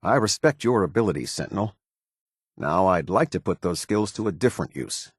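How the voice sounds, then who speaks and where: In scripted game dialogue, an actor voices a middle-aged American military captain who is stern and demanding, speaking formally and authoritatively in clipped orders. His low, husky voice is expressive and brisk, with wide pitch movement, and here he comes across as formal and approving. The sound is close and dry.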